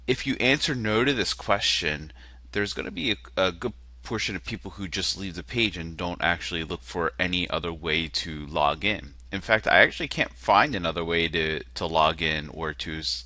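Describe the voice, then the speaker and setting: A low-pitched man with a nasal voice critiques a landing page as a marketer, casually clicking through it on a shared screen. He sounds pushed and bright at a moderate pace, hesitating often, using plenty of fillers and putting himself down. The recording carries no room sound.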